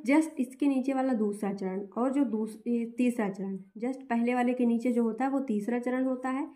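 A woman's voice: a little high, dark tone. A woman teaching a class, explaining step by step and asking and answering her own questions. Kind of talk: classroom-style lesson.

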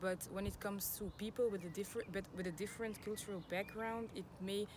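A woman's voice: medium pitch, steady tone, a little fast, noisy background. Woman in her twenties presenting outdoors. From Belgium. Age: 20s. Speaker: student presenter. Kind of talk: class presentation.

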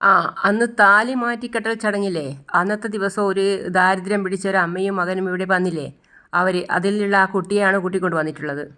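A woman's voice: mid-range voice, steady tone, brisk, pushed and bright. A woman vlogger casually retelling a TV serial episode in plain conversational narration.

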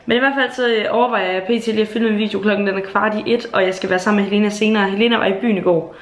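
In a roomy-sounding space, a Danish YouTuber from Jutland in her late teens talks in a steady, mid-range voice for her home vlog. Her chat is casual, bubbly and gushing, with swearing and fillers, recorded on a handheld camera.

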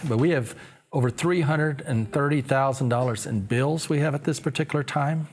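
Wearing a lapel mic on a small TV studio set made up like a living room, a pastor and TV host in his sixties makes an earnest, preacherly appeal during an interview. His voice is mid-range, and there is slight background noise.

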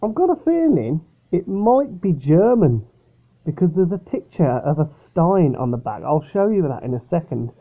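A man's voice: a little high, sing-song, normal speed. A man casually reviewing a drink from his upstairs bedroom, rambling and hesitant. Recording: tinny, phone-like sound.

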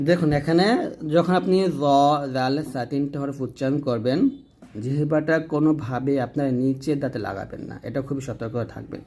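A man teaching pronunciation of Arabic letters, patiently voicing each sound clearly and stressing it for learners to repeat. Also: mid-range voice, a little fast, mellow. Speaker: Quran recitation teacher. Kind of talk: step-by-step pronunciation lesson.

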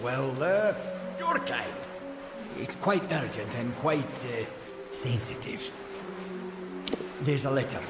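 An anxious gnome scribe from a fantasy game, hesitant and fretful. His pitch swings about in a lively way. The voice rings in a long hall reverb, with clear music behind it. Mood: flustered urgency. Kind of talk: video game character dialogue.

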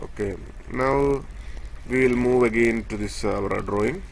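A man giving a screen-share technical tutorial, explaining step by step in a halting way with many fillers as he points across a drawing. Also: mid-range voice, vocal fry, a little hiss or hum. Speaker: instructor.

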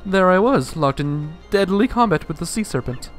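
A man's voice: high voice, lively intonation, normal speed, soft background music. A man voicing a vain, dramatic merchant adventurer in a video game, with a pompous, theatrical manner. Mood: boastful. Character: vain, boastful, dramatic merchant adventurer, panicking when scared.

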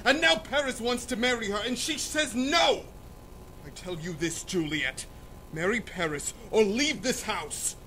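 Brief: a man doing an enraged, bullying noble father, high and bright, swinging wildly up and down. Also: animated, a little slow, a little hiss or hum, exaggerated voice, poor audio. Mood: furious. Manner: blustering, shouting threats. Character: furious domineering father, middle-aged nobleman. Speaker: student actor in a school reading.

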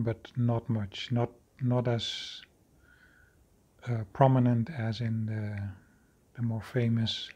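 A man narrating his own cave footage in an unscripted voice-over, slow and halting with many fillers and restarts. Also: mid-range voice, dark tone. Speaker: video creator exploring a cave.

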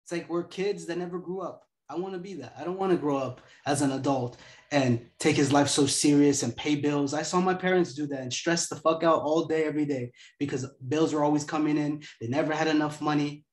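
A man's voice: a little high, fairly even intonation, fairly quick, echoey room. A man in his twenties giving a casual motivational talk as host, laid-back and profane. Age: 20s.

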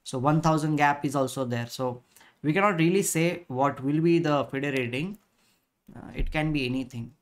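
A man in his thirties with an Indian accent, chatting casually as a chess instructor on a live stream, halting and repeating his phrases. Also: fairly high pitch.

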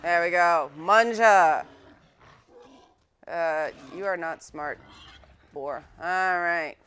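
A woman's voice: on the low side, fairly even intonation, slow pace, a bit bright, clean tone. A young woman giving chatty, playful commentary while she plays a video game. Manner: chatty and playful, urging her pets on. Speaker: game presenter. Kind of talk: casual let's-play commentary.

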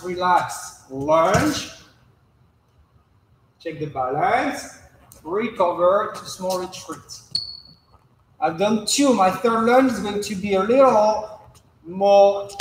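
A young man, a coach, giving calm, measured step-by-step instruction while demonstrating exercises in a large indoor hall. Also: high-pitched. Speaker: fencing coach. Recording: echoey gym hall, faint background noise.

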